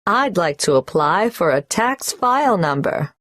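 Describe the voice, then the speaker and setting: A woman's voice: lowish voice, big pitch swings, measured pace, fairly bright tone, no echo, clean studio sound. An actress playing a young woman migrant applying for a tax number, speaking hesitantly and carefully spelling out her details. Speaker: applicant at the tax office. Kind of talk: scripted exam dialogue.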